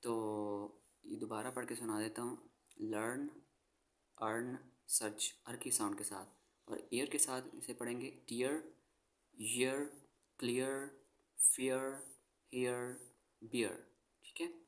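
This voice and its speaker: Slow, even-toned man teaching phonics. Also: medium pitch. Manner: slow and patient, repeats each word twice; frequent "theek hai" check-ins to the viewer. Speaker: English teacher. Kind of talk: phonics lesson, spelling out words letter by letter.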